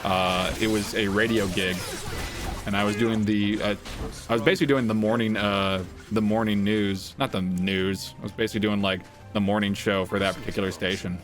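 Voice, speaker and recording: A man's voice: on the low side, normal speed. Chatty male streamer over music. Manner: excitable, repeats greetings and phrases. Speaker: streamer and voice actor. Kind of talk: livestream chat with viewers.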